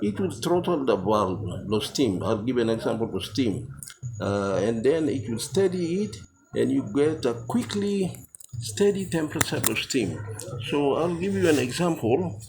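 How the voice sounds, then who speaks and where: A man with a Papua New Guinean accent giving an informal technical lesson, mixing Tok Pisin pidgin into his English in short, halting phrases. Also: medium pitch, big pitch swings, noisy background. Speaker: instructor.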